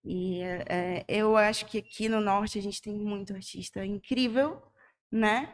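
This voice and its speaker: A woman's voice: mid-range voice, steady tone, measured pace. A woman from Manaus, a guest artist in a casual podcast conversation, reflecting and thinking aloud. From Manaus, Brazil.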